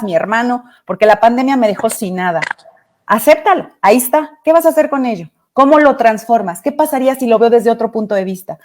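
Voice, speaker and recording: A woman speaking on an online panel. She is emphatic and rattles off quick lists of commands. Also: medium pitch, a little mellow. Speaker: panelist, teacher and writer.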